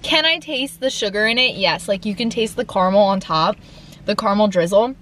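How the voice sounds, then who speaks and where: A woman's voice: mid-range voice, brisk, fairly bright tone, a little hiss or hum. A young woman chatting casually to her camera from inside a car, with lots of "like". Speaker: vlogger. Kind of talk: casual vlog chat. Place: in a parked car. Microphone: phone camera on dashboard.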